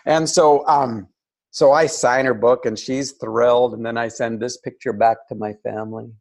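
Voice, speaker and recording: A man's voice: mid-range voice, moderate pace, vocal fry. An older man, a guest on a video call, telling a story casually and acting out the voices of people he quotes. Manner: animated, acts out quoted voices. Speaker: interview guest.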